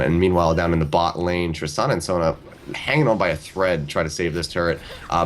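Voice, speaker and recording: A man calling a video game match as a play-by-play commentator, talking rapidly like an auctioneer. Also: deep voice, a little hiss or hum. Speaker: esports commentator.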